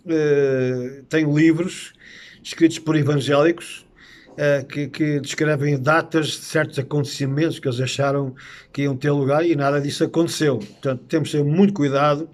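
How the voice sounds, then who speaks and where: Man, European Portuguese accent, middle-aged, fairly high voice, earnest Bible teacher, hesitant fillers. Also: darkish tone. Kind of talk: unscripted teaching talk on prophecy.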